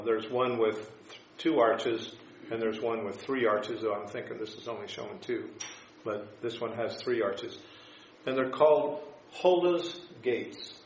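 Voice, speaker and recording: A man teaching an informal Bible class, explaining scripture and history in a halting, tentative way. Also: mid-range voice. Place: echoing room, teaching a class. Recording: echoey room, dull sound, faint noise.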